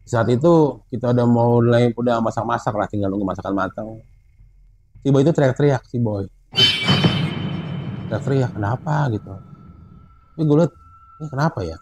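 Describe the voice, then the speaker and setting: A man casually telling a true story from a mountain hike, growing animated and high as it gets tense. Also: moderate pace, pauses often, loud music behind the voice. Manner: animated, rising pitch when excited, Jakarta slang. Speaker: storyteller guest.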